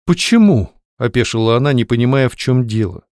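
A man reading a novel aloud as an audiobook in a measured, expressive way. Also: medium pitch, clear, resonant tone, no room sound, clean studio sound. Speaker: audiobook reader. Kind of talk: scripted narration of a novel.

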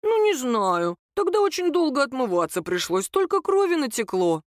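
A woman voicing a lanky, menacing male thug who mocks his victim in a slow, sneering drawl. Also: high-pitched, big pitch swings, no room sound, clean studio sound, pitched above the performer's own voice.

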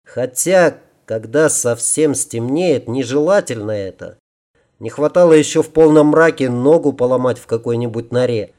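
A male narrator reads an audiobook in a steady storytelling way. His timbre is dark and mellow, at a middle pitch. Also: moderate pace.

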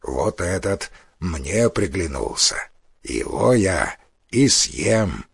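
An old cannibal chief picks out his dinner in a low, quiet, menacing voice, as a male narrator puts him on. The sound is husky and dry. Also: sing-song, very slow, no room sound, full character voice.

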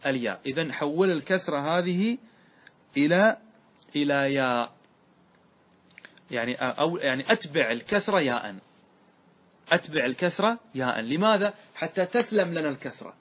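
A man teaching Arabic grammar in a classroom lecture. He keeps asking his students questions, repeats key words and draws out example words slowly. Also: fairly high pitch, expressive, a bit bright, breathy edge.

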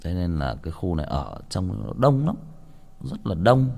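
A man's voice: low voice, very animated, normal speed, creaky, a little mellow. A man telling a childhood story in a crude, colloquial way. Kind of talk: casual storytelling.

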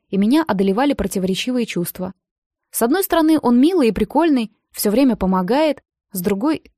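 A woman's voice: on the high side, mellow, no room sound, clean studio sound. Woman reading a first-person audiobook. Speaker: audiobook narrator.

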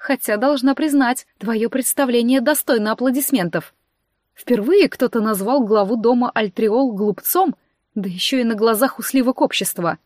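A woman reading the part of a scheming young female necromancer with a mocking, sharp-tongued manner. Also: a little high, normal speed, no room sound, studio quality, natural voice.

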